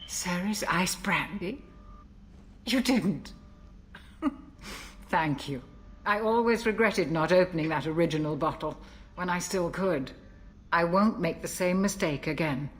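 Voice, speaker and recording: An actress playing a calm, wry older female military ship's doctor in a video game, speaking in a gentle, reflective way. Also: on the low side. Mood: warm. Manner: gentle, reflective, measured delivery. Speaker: game character.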